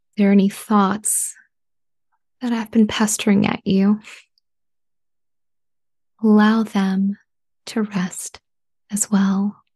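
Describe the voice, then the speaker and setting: A woman leading a guided relaxation in a soft, soothing spa whisper, hushed, breathy and gentle. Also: medium pitch.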